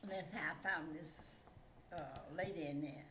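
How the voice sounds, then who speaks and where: Unhurried and low, yet a bit bright, the grandmother's voice carries her loose, rambling storytelling, with thoughts left hanging. The recording sounds roomy and has a little hiss or hum.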